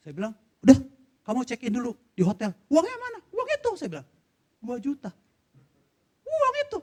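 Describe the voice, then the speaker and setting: A man's voice: sits high, darkish tone. A middle-aged male pastor preaching emphatically to his church, repeating phrases for stress. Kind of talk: sermon with personal testimony. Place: church hall.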